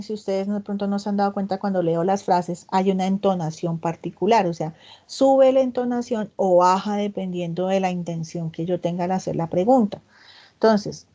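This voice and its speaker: A woman's voice: mid-range voice, dark tone, lo-fi sound. A woman teaching English grammar in an online class, explaining step by step and often checking in with her students. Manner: reads English example sentences slowly and with emphasis. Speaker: English tutor.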